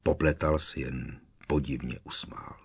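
Deep husky male audiobook narrator. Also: little pitch movement. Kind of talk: scripted narration.

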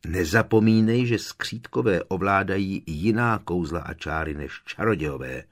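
A man's voice: low-pitched, close to an everyday voice. A man voicing a young wizard who explains things as if they were obvious. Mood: explaining. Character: young male wizard, matter-of-fact friend.

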